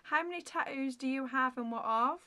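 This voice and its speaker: A woman in her thirties talks straight to the camera in a relaxed Q&A vlog, her voice sitting a little high. She rambles through viewer questions with plenty of ums and likes. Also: normal speed. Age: 30s. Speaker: beauty vlogger. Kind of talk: casual Q&A vlog.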